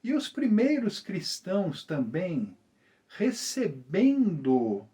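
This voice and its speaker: A man leading a Bible study, reading scripture and explaining it slowly with hesitant fillers. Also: high-pitched, big pitch swings, dark tone. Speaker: preacher. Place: small group gathering.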